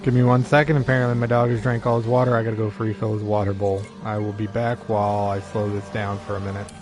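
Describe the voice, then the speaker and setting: A man's voice: on the low side, little pitch movement, fast, over music. A young man chatting casually to viewers and a friend while streaming a racing management game, rambling and easygoing. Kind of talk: casual live-stream chat.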